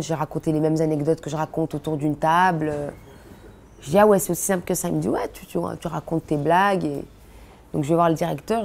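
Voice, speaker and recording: A woman in her thirties, born in Belgium, answering interview questions in a relaxed, chatty way with many fillers and restarts. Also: deep voice, creaky, slight background noise. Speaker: interviewee, comedian.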